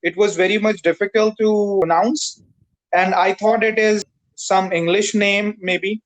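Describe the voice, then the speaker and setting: A man from Pakistan practicing English over a video call, speaking carefully with many "uh" pauses. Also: high-pitched, fairly even intonation, rough recording. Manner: careful, hesitant, frequent "uh" pauses. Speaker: English learner. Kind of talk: conversation practice.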